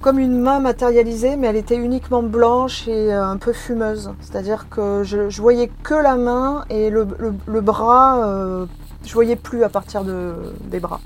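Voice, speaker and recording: A woman's voice: a little high, steady tone, unhurried, a little hiss or hum. Woman emotionally retelling a personal experience. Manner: vivid, emotional retelling with hesitations.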